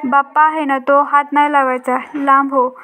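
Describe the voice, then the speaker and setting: A nervous, superstitious young man warning the others off, read out by a woman. High-pitched and flat in its rise and fall. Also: moderate pace.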